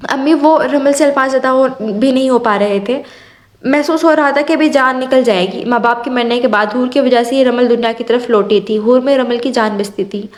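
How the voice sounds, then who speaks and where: A woman reading a novel aloud as a steady audiobook narrator. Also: on the high side, normal speed. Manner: steady storytelling read.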